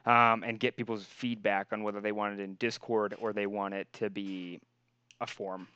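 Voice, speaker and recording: A man's voice: fairly low pitch, little pitch movement, normal speed, pushed and bright, clear, resonant tone, dull audio. A man hosting a podcast in casual chat, rambling, laughing and swearing casually. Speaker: podcast host.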